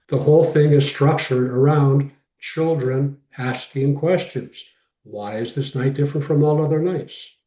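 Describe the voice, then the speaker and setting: A man's voice: mid-range voice, dark tone. A man speaking as a rabbi in an informal class over a video call, making his points emphatically with repetition and short phrases. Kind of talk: informal lecture with question and answer. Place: online video call session. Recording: roomy echo, distant from mic.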